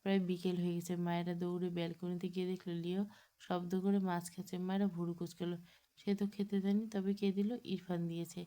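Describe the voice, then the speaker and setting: Flat-voiced woman narrating a romance. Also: fairly low pitch, fast, smooth. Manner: reads all characters in one even voice. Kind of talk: scripted narration of a romance story.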